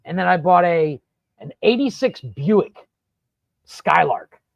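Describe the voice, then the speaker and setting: Gravelly, high-voiced podcast host. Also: male voice, slow pace, no echo, rough recording. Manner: profane, rambling, animated storyteller. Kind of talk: casual storytelling chat. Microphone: podcast studio mic.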